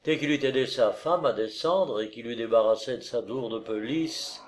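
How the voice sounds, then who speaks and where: A man reading a novel aloud in a measured, even manner. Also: mid-range voice. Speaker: narrator. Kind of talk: scripted narration.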